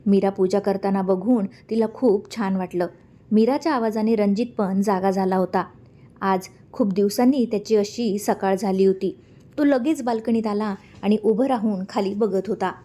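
Woman story narrator, warm, mellow tone, calm steady reading. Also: mid-range voice, normal speed.

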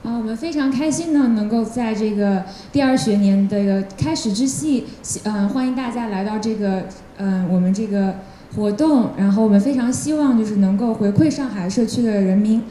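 Dark-voiced woman interpreting live. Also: medium pitch, moderate pace, a little hiss or hum. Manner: hesitant, with fillers. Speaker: assistant educator and interpreter. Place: large event hall. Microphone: handheld microphone. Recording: echoey hall with handheld mic.

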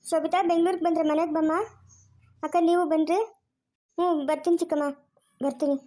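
A woman's voice: extremely high pitch, flat delivery, a little fast, dark tone. A woman playing an emotional mother in a home family drama. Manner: emotional, pleading then scolding.

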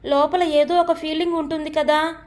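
A woman voicing a feisty, quarrelsome young woman who fires back quick retorts. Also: high-pitched, little pitch movement, voice pushed up, lightly acted. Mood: sheepish.

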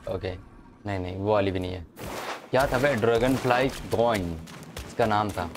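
A man with a lowish voice chats casually at a moderate pace over his gameplay, addressing both viewers and enemies. He's a gaming commentator, and game music plays beneath him amid a noisy background.

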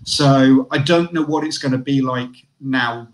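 A man's voice: mid-range voice, a little slow, roomy sound. A man reviewing a caravan site in a casual online show, chatty, with lots of fillers and restarts.

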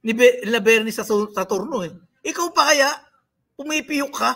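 High, sharp-voiced guy on a live stream, going off and mocking people. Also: normal speed. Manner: scolding, mocking rant. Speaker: livestream host.

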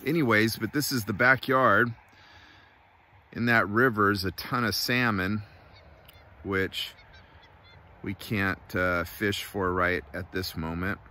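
A middle-aged man chatting casually to camera outdoors, in a laid-back, folksy way with short phrases and pauses. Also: lowish voice, steady tone, bright, forceful tone. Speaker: vlogger. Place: outdoors by a river in a wooded valley. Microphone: phone at arm's length.

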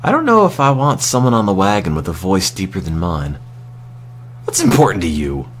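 A man's voice: low-pitched, sing-song, moderate pace, a little hiss or hum. A man giving casual, dry and sarcastic commentary while streaming a video game.

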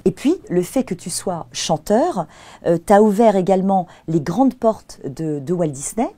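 A woman in the host's chair with a mellow, unforced voice at a middle pitch. She asks her questions in a warm, admiring way and keeps her guest talking. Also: lively intonation, unhurried. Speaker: interview host. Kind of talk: interview.

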